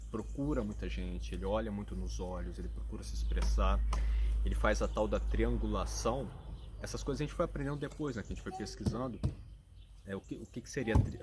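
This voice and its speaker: A father and vlogger with a Brazilian Portuguese accent explains things casually, talking earnestly and thoughtfully while searching for his words. His fairly low voice has a darkish tone, with a little hiss or hum in the recording.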